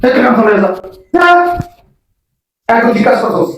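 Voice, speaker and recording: A man's voice: extremely high pitch, big pitch swings, normal speed, a bit bright, roomy sound, soft background music, heavily acted, poor audio. An actor playing a bossy, scornful father-in-law who scolds and insults. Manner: scolding and insulting, repeats himself.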